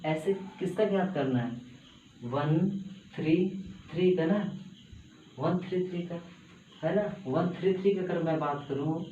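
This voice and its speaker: A man walks students through a math problem at a board, repeating each step and coaxing them along. His voice sits a little high but sounds mellow. The room is echoey, and the audio is a bit dull with faint background noise. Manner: repetitive, coaxing, says "bhai" and "hai na" often. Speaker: math teacher. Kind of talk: chalkboard math lesson. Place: classroom with a small board.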